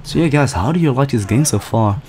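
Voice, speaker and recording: A man casually commentating a video game playthrough, chatty and excitable, swearing often. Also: medium pitch, brisk, a little hiss or hum. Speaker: gameplay commentator. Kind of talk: casual let's-play commentary.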